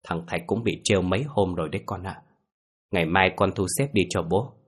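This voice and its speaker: A man voicing a stern, gruff old village father who gives orders to his family in a ghost story. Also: sits low, fairly quick. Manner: gruff, commanding.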